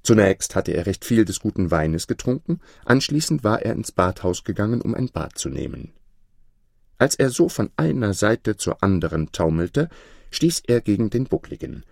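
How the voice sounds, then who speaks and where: Deep-voiced man reading a fairy tale. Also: vocal fry, dry recording, studio quality. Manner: calm, measured storytelling. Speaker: narrator. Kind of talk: storybook reading.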